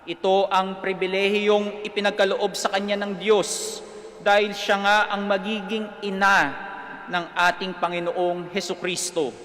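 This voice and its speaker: A male priest with a Filipino accent delivers scripture and homily. His voice is high and bright, and it rings through a big church with a long cathedral echo. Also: little pitch movement, normal speed. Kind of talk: liturgical reading and homily. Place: large church, over sound system.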